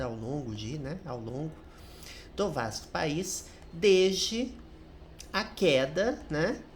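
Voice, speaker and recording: A woman's voice: low-pitched, a little hiss or hum. A middle-aged woman with a Brazilian Portuguese accent teaching English through a commented reading, explaining each point and often ending with a tag question.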